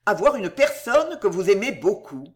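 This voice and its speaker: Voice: medium pitch, big pitch swings, moderate pace, natural voice. A reader voicing an anxious lady of the house who breaks good news in a trembling, agitated voice.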